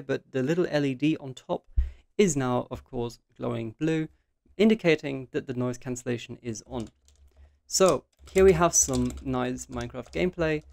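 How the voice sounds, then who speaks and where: A man with a gravelly, creaky voice walks through his desk setup in a relaxed, step-by-step way. His voice comes through a close desktop microphone with noise suppression active, so the sound has a processed, gated edge. The pitch sits in the middle for a man. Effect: noise suppression processing on the mic. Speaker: tech reviewer. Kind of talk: casual product demo. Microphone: desktop USB microphone close to mouth.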